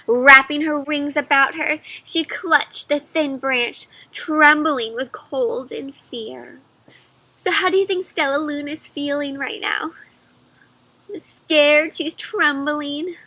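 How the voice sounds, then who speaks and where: Her high-sitting voice comes through cleanly with no echo as she gives an animated picture-book reading for kids. She pauses now and then to chat and quiz her young listeners.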